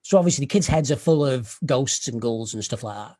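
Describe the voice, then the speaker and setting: A man's voice: mid-range voice, animated, fairly quick. A man, doing a dry, self-deprecating stand-up set over a video call. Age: 30s. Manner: dry, self-deprecating storytelling with quiet asides. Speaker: stand-up comedian.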